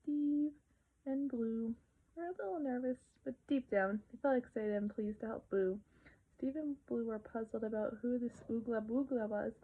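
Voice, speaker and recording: A woman's voice: on the high side, moderate pace. A woman casually retelling a children's episode, with occasional whispered asides. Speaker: storyteller. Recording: narrow phone-like sound.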